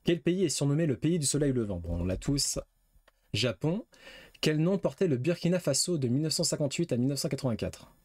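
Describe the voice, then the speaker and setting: Dry-voiced streamer guessing quiz answers. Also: male voice, fairly high pitch, animated, brisk, a little mellow, no room sound. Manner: reads questions aloud, guesses, swears casually. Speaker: gaming streamer. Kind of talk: casual live quiz game commentary.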